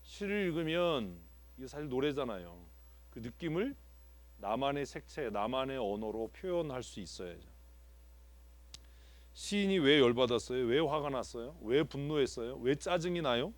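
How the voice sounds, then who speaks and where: A man's voice: medium pitch, sing-song, moderate pace. A man, a pastor, teaching a Bible text to his congregation and asking its members what they feel about it. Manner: asks the congregation questions and repeats answers. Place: church sanctuary.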